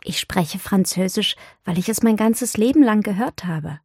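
A woman's voice: mid-range voice, lively intonation, normal speed, darkish tone, husky, dry recording, studio quality. Woman doing a clever, imaginative girl. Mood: friendly. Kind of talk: storybook audiobook reading.

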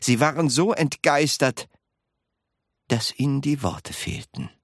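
An audiobook reader narrating a children's story in an unhurried, expressive way. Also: medium pitch, no echo, studio quality.

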